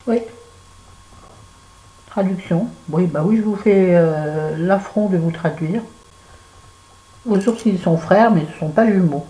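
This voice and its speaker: Chatty French woman with a dark voice. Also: on the low side, unhurried, rough recording. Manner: chatty, talks to herself while working. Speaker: beauty vlogger. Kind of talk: casual make-up tutorial chat.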